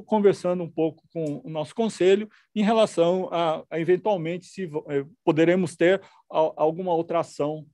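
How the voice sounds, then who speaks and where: A man's voice: fairly high pitch, creaky, a little mellow, no room sound, clean studio sound. A man, a company executive, answering analysts on an earnings call with many fillers and restarts.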